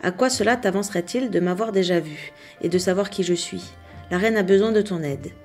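Woman narrator doing a terse storybook messenger man in grey, insistent and mellow-toned. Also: mid-range voice, brisk, soft background music, lightly acted. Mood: urgent. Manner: urgent, brusque. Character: mysterious grey-clad male messenger, insistent.

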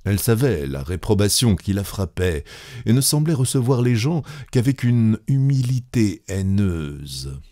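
A man reading a literary story aloud in a measured, grave manner. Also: fairly low pitch, very animated, warm tone. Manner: slow, measured, grave delivery. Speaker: narrator.

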